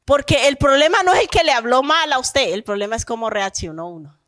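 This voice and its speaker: A woman pastor delivers a lively sermon in a high, bright voice. She throws questions at the congregation and acts out the grumbling of believers. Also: a little fast.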